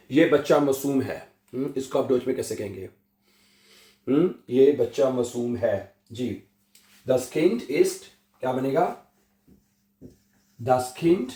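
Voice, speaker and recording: A man teaching German in a slow lesson, drawing out words and often checking with the learner. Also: mid-range voice, dark tone, echoey room. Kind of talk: slow spoken language lesson.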